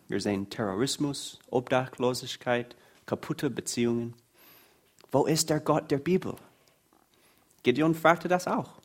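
A man preaching a sermon, reading Bible passages aloud in an earnest way. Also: medium pitch.

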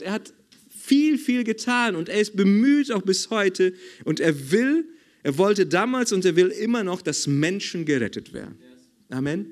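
A man preaching a sermon in a church service, emphatic and repetitive, calling for amens. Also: sits high.

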